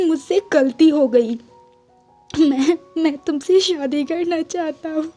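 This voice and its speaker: A woman voicing a clingy, tearful young man who pleads slowly and softly through sobs. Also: sits high, natural voice. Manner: sobbing, pleading, slow and soft.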